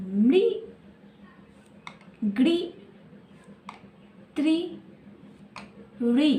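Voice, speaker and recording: A woman teacher with a Bihari Hindi accent guides young children through a lesson, slow and patient, repeating each word and quizzing her pupils. Her voice is high and rises and falls a lot, and it rings in an echoey room. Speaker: primary school teacher.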